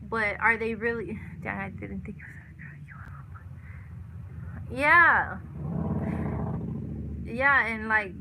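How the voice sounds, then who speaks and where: A woman's voice: fairly high pitch, slow, creaky, pauses often, noisy background. A woman in her thirties hosting a casual live chat, answering viewers and repeating herself with lots of "you know" and "like". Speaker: livestream host.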